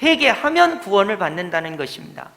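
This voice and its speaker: Guy pastor teaching a sermon, emphatic q-and-a style, bright high voice, echoey church hall. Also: very animated, fairly quick. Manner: emphatic, drills the congregation, asks and answers himself. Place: church sanctuary.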